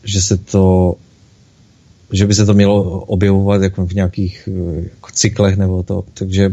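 Give me a man hosting a casual, hesitant chat, speaking low and husky through plenty of filler sounds. His voice is dark. The recording sounds dull and lo-fi. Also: completely flat delivery.

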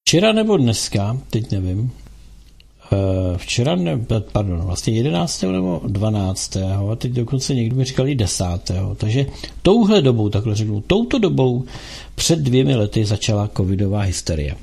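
A man hosting a casual call-in radio show, talking in a rambling, halting way with frequent filler sounds. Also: fairly low pitch, very animated, vocal fry, darkish tone, breathy edge.

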